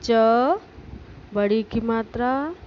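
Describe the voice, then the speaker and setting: A woman teacher walks young pupils through a lesson at a very unhurried pace, breaking each word into its sounds. The recording is dull and lo-fi. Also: a little high. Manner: slow, patient, spelling out words sound by sound. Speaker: school teacher. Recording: dull lo-fi recording with faint noise.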